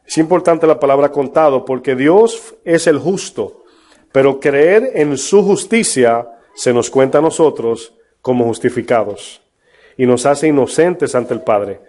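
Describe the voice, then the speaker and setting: A man's voice: mid-range voice, animated, unhurried, a little mellow. A man preaching a sermon as pastor, emphatic, with rhetorical questions to his congregation. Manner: mocks false prophets in a put-on voice.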